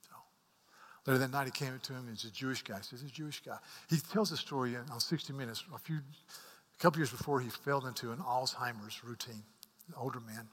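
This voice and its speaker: A pastor, earnest and male, preaches a sermon at a brisk clip in a medium pitch, frequently tripping over repeated words. He builds to forceful emphasis before dropping into near-whispered asides, all echoing with the long reverb of a big sanctuary.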